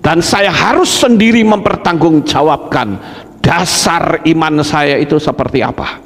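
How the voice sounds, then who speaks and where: Dramatic male preacher, gravelly. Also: a little high, a little slow. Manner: dramatic, acts out pleading voices, keeps addressing listeners. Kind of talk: sermon to a congregation. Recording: echoey hall reverb.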